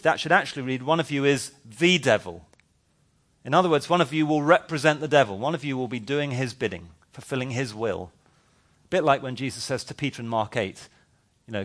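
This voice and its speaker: A man's voice: mid-range voice, brisk, a bit bright. A male pastor preaching a verse-by-verse sermon, conversational and emphatic, with wry sarcastic asides. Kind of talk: expository sermon.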